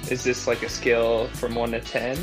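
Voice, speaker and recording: A man's voice: mid-range voice, completely flat delivery, moderate pace, over music. A man in his twenties from Arkansas, with an American accent free of Southern twang, chatting casually as a podcast guest. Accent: American without Southern twang. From northwest Arkansas, United States. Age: 20s. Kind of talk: casual interview chat.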